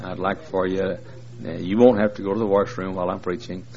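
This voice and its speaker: A visiting preacher in his sixties addresses a large congregation in a big church, joking folksily and sprinkling in many fillers. His voice is low-pitched and darkish in tone, with little pitch movement and a brisk pace. The audio is dull lo-fi with a faint noise floor.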